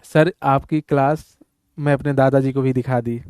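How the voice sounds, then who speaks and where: A man's voice: mid-range voice, steady tone, moderate pace, a little mellow, clear, resonant tone, no room sound, clean studio sound. A male teacher explains a lesson in a casual, playful, teasing way and keeps asking his students questions. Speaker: Hindi teacher.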